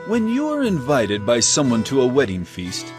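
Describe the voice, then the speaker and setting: An actor playing Jesus as an earnest teacher of parables in an audio drama, speaking in measured, emphatic oratory. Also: male voice, mid-range voice, wildly swooping pitch, music in the background. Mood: instructive, earnest. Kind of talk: audio drama Bible acting.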